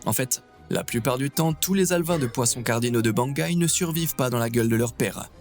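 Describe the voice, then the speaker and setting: A man's voice: mid-range voice, brisk. Man narrating a nature documentary over music.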